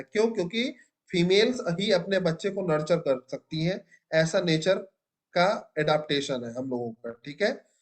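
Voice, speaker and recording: A young man teaching a biology class, asking students questions and praising their answers. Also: high-pitched. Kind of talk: classroom lecture.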